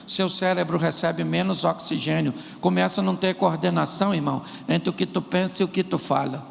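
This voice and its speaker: A man's voice: on the high side, vocal fry. A man preaching a sermon, using humor and acting out married couples' quarrels. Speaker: pastor. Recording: large hall with long reverb.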